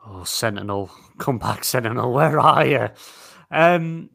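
A man chatting on a podcast, his voice carrying a gravelly rasp. He thinks out loud in bursts, stumbling over restarts and fillers, and gets excitable as he goes. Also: medium pitch, a little slow. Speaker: podcast co-host. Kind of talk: casual chat.

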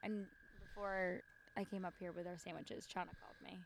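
A young woman co-hosting a casual podcast outdoors by a backyard pool, speaking in a relaxed, trailing way with many fillers. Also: lowish voice, a little fast, creaky, a little hiss or hum. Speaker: podcast co-host.

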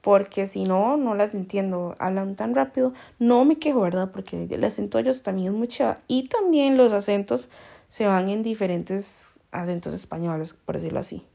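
Casting: Costa Rican woman, chatty podcast host, mellow gravelly voice, quick to laugh. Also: medium pitch. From Costa Rica. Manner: chatty, laughs often, heavy slang. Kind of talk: casual storytelling chat.

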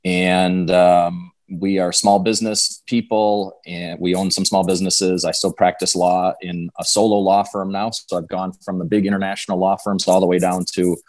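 A man from Western Wisconsin, a candidate for office, calmly answering interview questions. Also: low voice, normal speed, no echo. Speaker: political candidate guest.

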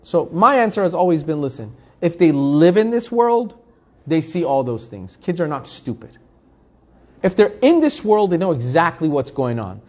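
Animated rabbi with a higher male voice. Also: normal speed. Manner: animated, repeats words and phrases for emphasis; asks the listeners direct questions. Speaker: rabbi teaching a Torah class. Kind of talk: informal spoken class to a group.

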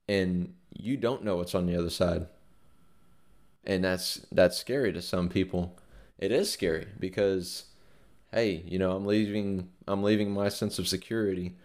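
Deep-voiced guy doing a casual faith talk, lots of ums and restarts. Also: creaky, a little mellow. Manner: rambling, many fillers and restarts. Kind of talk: informal devotional talk.

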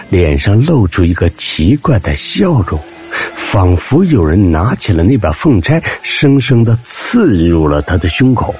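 A man narrating a suspense story in a dramatic, scripted telling. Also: low voice. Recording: soft background music.

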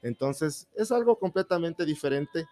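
A man from Ecuador with a highland accent, explaining his dental services as a folksy interview guest. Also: animated, normal speed, darkish tone. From Baños, Ecuador. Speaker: dentist guest.

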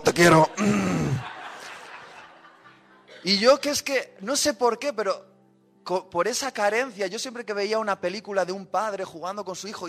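A man giving a sermon testimony, moving quiet storytelling to loud, impassioned outbursts. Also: high voice. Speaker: preacher. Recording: faint music behind.

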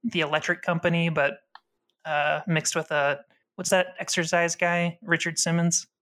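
Bright-voiced rambling man. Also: on the high side, little pitch movement, normal speed. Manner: rambling, absurd jokes, fillers. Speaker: podcast co-host. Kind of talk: casual podcast chat.

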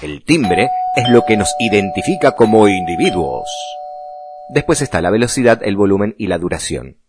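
A man with a Rioplatense Argentine accent teaching a lesson on vocal impressions in a playful, lively way. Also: fairly low pitch, moderate pace, over loud music. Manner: lively and playful, slipping into voices.

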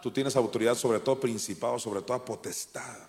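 Preacher man with booming hall echo. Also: steady tone, a little fast. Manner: dramatic swings from loud shouted commands to low quiet asides. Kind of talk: sermon. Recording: long hall reverb.

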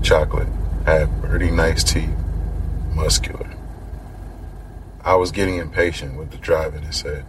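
A man's voice: very deep voice, slight background noise, low-quality recording. A man hosting a podcast, telling a first-person story in a casual, slangy, conversational way and acting out quoted lines in his own voice. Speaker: podcast host.

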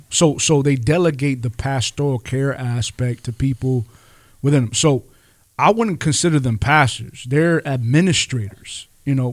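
Man, middle-pitched voice, earnest, conversational, repeats phrases for emphasis. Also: a little mellow. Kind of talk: casual discussion.

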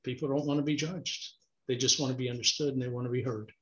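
Gesturing as he spins his stories, an author from Cuba joins a casual remote interview as a guest and speaks quickly in a medium pitch. He's a lively storyteller, heard through echoey, muffled call audio.

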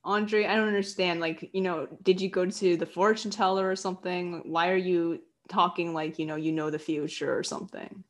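A woman's voice: on the low side, fairly even intonation, normal speed, hardly any pauses, lightly acted. A woman voicing a reluctant, evasive young man who protests politely and hesitantly in an improvised story. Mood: protesting. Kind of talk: improvised story role-play.

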